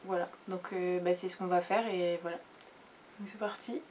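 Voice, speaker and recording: A woman's voice: fairly low pitch, little pitch movement, normal speed, a little mellow. A young woman chatting casually while reviewing skincare products, rambling with many fillers and restarts, sitting on her bed. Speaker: beauty vlogger. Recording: distant camera mic with faint room noise.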